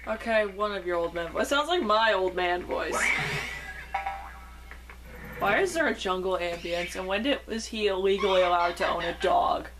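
A woman's voice: medium pitch, normal speed. A woman co-hosting a let's play, chatting casually and swearing freely as she plays, laughing often. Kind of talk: casual gaming banter. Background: video game music.

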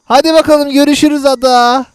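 A man hosting a gaming channel, giving chatty, excitable play-by-play commentary to his viewers and teasing the friend playing with him. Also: very high voice, a little fast, no echo.

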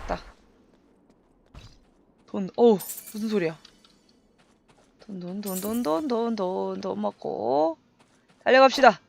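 A young woman casually commenting on her gameplay, chatty and excitable, making little sound effects as she fights. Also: mid-range voice, takes it slowly, gravelly, long pauses. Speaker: game streamer.

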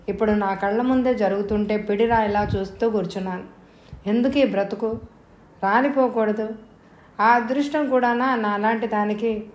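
A woman's voice: medium pitch, darkish tone, lightly acted. A woman voicing a bitter, domineering middle-aged mother in an audio novel, scolding sharply and wailing laments. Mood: self-pitying.

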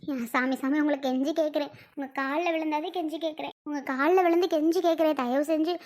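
Woman playing a poor tenant, very high voice, begging, tearful pleading, village skit. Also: fairly even intonation, fast talker, darkish tone, lightly acted.

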